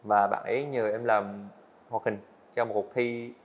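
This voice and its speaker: A fairly low, steady male voice speaks at a measured pace. He is an eighteen-year-old animator guesting on a podcast, candidly and earnestly telling his story with hesitant restarts, in an indoor studio with dull lo-fi audio.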